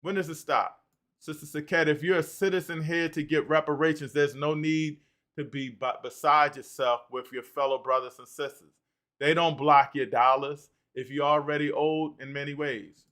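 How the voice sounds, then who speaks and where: Male stream host, bright and fairly high voice, works through the chat out loud. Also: moderate pace. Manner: animated, reads out and answers chat comments. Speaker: livestream host. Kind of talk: livestream talk reading chat comments.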